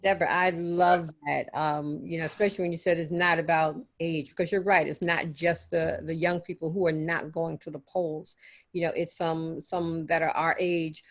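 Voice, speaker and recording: A woman's voice: low-pitched, flat delivery, normal speed. A woman replying on a video call in an affirming, chatty way with frequent fillers.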